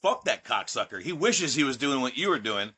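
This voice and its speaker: Brash, cursing man, bright voice. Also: mid-range voice, very animated, a little fast, husky. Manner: brash, profane and boastful, with mocking put-on voices. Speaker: guest, pro wrestler. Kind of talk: casual podcast chat.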